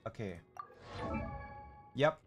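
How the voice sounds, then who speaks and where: A man hosting a game livestream chats casually over music, halting and repeating himself, and his English phrasing is loose and non-native.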